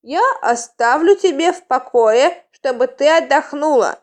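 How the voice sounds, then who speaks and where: Woman voicing a gentle young tomcat healer. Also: sits high, measured pace, voice pushed up. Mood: reassuring. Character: young gentle male cat healer, caring.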